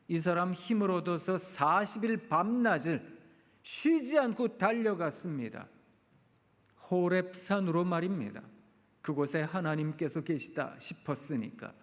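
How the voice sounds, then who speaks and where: A man preaching a sermon in a church sanctuary, retelling a story dramatically and slowing down for emphasis. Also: fairly high pitch. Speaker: guest preacher, professor. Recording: echoey church hall.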